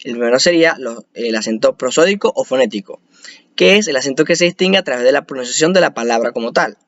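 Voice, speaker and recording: A man's voice: medium pitch, animated, quick pace, no echo, lo-fi sound. A man presenting a spoken lesson on spelling rules, explaining step by step with frequent restarts and hesitations.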